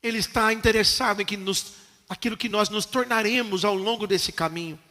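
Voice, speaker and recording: High, bright-voiced Brazilian pastor preaching. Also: male voice, steady tone, a little fast. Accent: Brazilian Portuguese. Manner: swings from hushed to shouting, emphatic repetition. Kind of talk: sermon. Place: church sanctuary. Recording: long church hall reverb.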